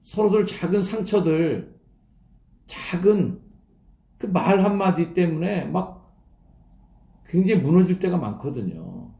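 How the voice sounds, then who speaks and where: Male pastor, gravelly and mellow, lively conversational sermon, echoey church room. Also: high-pitched, takes it slowly, long pauses. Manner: conversational, acting out mocking voices.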